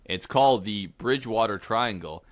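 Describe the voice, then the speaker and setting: A man's voice: on the low side, moderate pace. A young man co-hosting a podcast, telling stories animatedly and jokingly mimicking voices. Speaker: podcast co-host. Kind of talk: casual chat.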